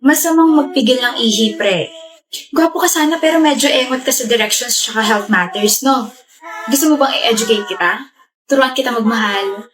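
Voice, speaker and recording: A woman's voice: on the high side, normal speed, crowd noise, natural voice. A woman playing a brash, funny young student in a comedy skit, talking in a sassy, teasing way. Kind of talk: skit acting.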